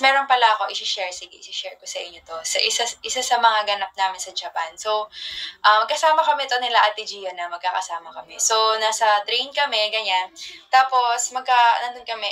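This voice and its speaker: A young woman casually chatting on a livestream from her phone, telling rambling stories with soft trailing asides. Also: mid-range voice, brisk, low-quality recording.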